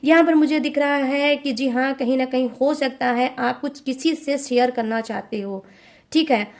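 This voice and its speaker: A woman's voice: high-pitched, steady tone, normal speed. A young woman giving a tarot reading to her viewers, speaking in a repetitive, coaxing way and often checking in with "okay?". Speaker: tarot reader.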